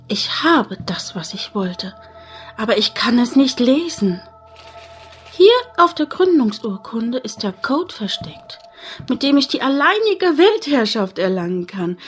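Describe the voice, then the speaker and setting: A power-hungry female gang leader acted by a woman in an audio drama, condescending and falsely polite. Her high voice swings theatrically and takes its time, with faint music underneath. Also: close to an everyday voice. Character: smug female crime boss craving world domination. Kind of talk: hobby audio drama acting.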